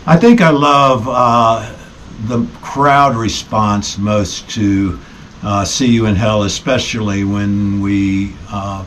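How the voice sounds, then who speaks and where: Brief: middle-aged musician, laid-back chat, lowish voice, halting with ums. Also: male voice, slight background noise. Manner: relaxed, pauses often with ums. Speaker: band member. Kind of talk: casual conversation.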